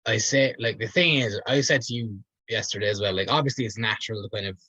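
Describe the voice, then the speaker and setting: Rambling and hedging with plenty of fillers, a male podcast co-host makes casual chat in a fairly low, husky, sharp voice at a quick pace. The sound is dull, dry and lo-fi, with no room sound.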